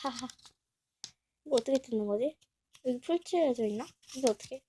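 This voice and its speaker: High-voiced young woman gushing over an unboxing. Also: quick pace, slight background noise. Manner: chatty, gushing and excitable, talks to herself. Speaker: vlogger. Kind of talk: casual unboxing chat.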